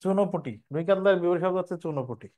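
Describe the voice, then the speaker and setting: A man's voice: high voice, racing, a little mellow. A young man, teaching an exam preparation class and explaining step by step, repeating each question before answering it.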